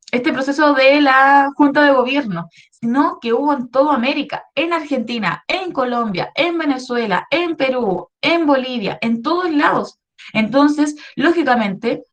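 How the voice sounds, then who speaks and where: A Chilean woman who teaches history explains a lesson to schoolchildren in an online class, patiently checking that they follow with frequent phrases like "¿ya?". She has a Chilean Spanish accent and a voice that's a little high and a bit bright.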